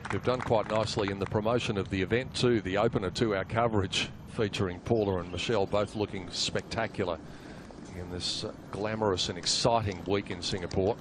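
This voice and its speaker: A man's voice: lowish voice, steady tone, brisk. A man working as a golf commentator, calling live tournament play for television. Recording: clear outdoor course ambience noise. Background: outdoor ambience.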